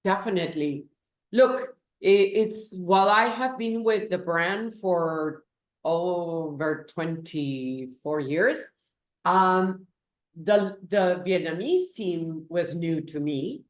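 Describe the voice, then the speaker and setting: Slow-speaking Peruvian-born woman, echoey room. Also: fairly low pitch. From Peru. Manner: slow, thoughtful, emphatic. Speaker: guest, business executive. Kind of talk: interview.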